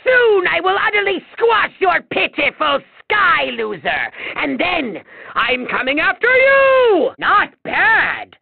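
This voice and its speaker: Through a thin, narrow-band sound comes a scheming little video game emperor, shrill and gravelly. He is pompous and vain, stretching words theatrically and leaping wildly up and down in pitch. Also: huge pitch swings, takes it slowly, no echo, heavily acted. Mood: menacing, smug. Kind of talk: video game villain voice acting.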